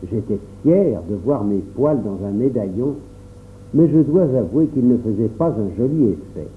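A man with a medium-pitched voice reads a storybook in the first person, calm and measured. The recording sounds tinny, like a phone, with faint noise.

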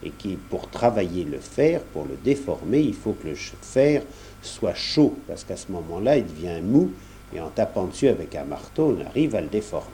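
A man's voice: low voice, big pitch swings, moderate pace, mellow, slight background noise. A man reading a children's story aloud, addressing the young listener directly and explaining as he goes.

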